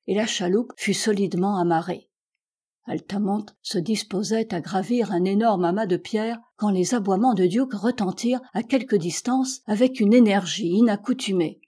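Mellow, husky woman reading an audiobook. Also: medium pitch. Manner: measured, steady reading. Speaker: audiobook reader. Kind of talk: literary audiobook narration.

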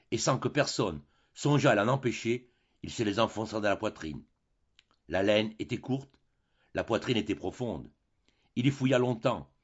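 A man narrating a literary audiobook in a measured, grave way. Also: on the low side, breathy edge, highs cut off. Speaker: audiobook reader.

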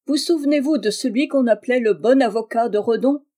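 A cautious old male peasant elder, voiced by a woman reading aloud. He talks in a dreamy, grumbling way that turns prophetic, in a mellow, soft-edged tone. A storybook reading. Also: on the high side, a little fast, pitched above the performer's own voice, close to an everyday voice. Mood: earnest.

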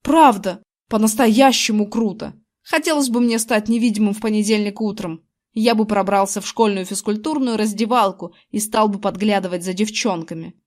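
A woman's voice: mid-range voice, normal speed, close to an everyday voice. A woman reading aloud, voicing a brash, boastful young boy who brags and whines, in a slightly raised voice. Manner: whiny, then swaggering and bragging. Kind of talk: audiobook character reading.

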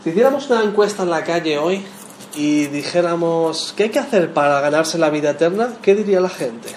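Animated preacher man in echoey hall. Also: fairly high pitch, fairly quick, a little hiss or hum. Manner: lively, talks with the audience, asks questions. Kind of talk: sermon teaching. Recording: echoey room with faint ambience.

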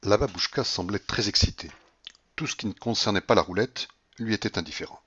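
A man narrating a literary audiobook in a measured way. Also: on the low side, fairly bright tone, a little hiss or hum. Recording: muffled lo-fi recording.

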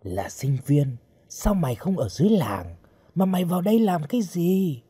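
A man voicing a brutal wanted outlaw interrogating a captive, talking in a low, gruff, threatening growl. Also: sing-song, normal speed, warm tone. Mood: menacing.

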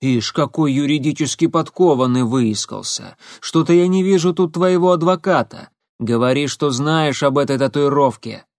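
A man's voice: mid-range voice, moderate pace, few pauses, no echo, studio quality, lightly acted. A man voicing a blunt, hot-tempered male agent who barks threats. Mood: angry threats.

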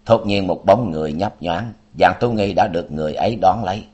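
A man narrates a martial-arts novel as an audiobook, telling it dramatically. His voice sits very low. The reading moves through the fight scenes steadily. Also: fairly quick, a little mellow, husky. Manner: dramatic storytelling.

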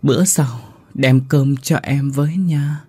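A man voicing the ghost of a starving little child who pleads slowly and faintly. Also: medium pitch, a little mellow, breathy edge, no room sound. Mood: pleading.

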